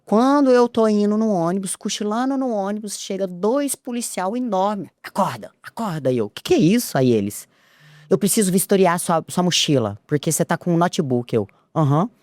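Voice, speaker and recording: A woman's voice: expressive, normal speed, darkish tone, no room sound. A woman, a podcast guest telling a personal story and acting out the dialogue. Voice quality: low voice. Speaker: interview guest.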